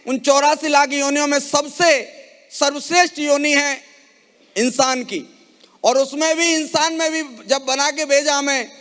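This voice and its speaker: A man's voice: extremely high pitch, fairly even intonation, unhurried, a bit bright. A man giving an emotional motivational speech on stage at a network marketing event, rallying the audience with questions. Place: large event hall. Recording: reverberant hall sound.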